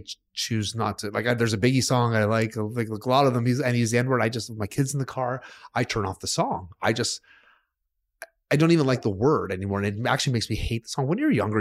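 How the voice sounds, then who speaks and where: A man's voice: medium pitch, animated, brisk. A middle-aged man hosting a podcast, speaking in an opinionated, casual way with many restarts. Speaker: podcast host.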